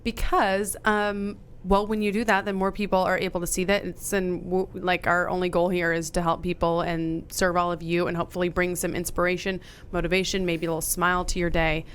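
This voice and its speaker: A woman's voice: fairly low pitch, level tone, fairly quick, fairly bright tone, smooth. A woman co-hosting a podcast in upbeat, casual chat. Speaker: podcast co-host.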